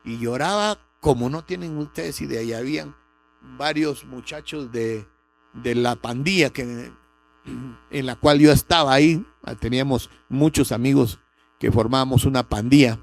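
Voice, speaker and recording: A man's voice: mid-range voice, moderate pace, creaky, soft background music. A middle-aged man, preaching a sermon with a personal testimony and rising sharply on key words. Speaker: pastor.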